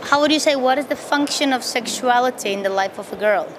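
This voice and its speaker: A woman's voice: on the high side, fairly quick. A woman interviewer asking brief, plain questions outdoors. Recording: outdoor recording with traffic noise.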